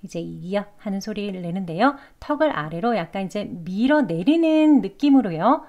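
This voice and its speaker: A woman's voice: medium pitch, lively intonation, darkish tone, highs cut off. Woman teaching English pronunciation. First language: Korean. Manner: explains slowly, models English phrases and repeats them many times. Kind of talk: pronunciation lesson.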